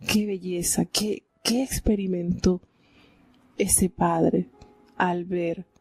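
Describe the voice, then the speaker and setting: Woman Bible commentator, husky voice, flat even delivery, reflective and heartfelt, faint music behind. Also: medium pitch, no room sound. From Venezuela. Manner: reflective and heartfelt, often asking "¿verdad?". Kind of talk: devotional Bible commentary on a live program.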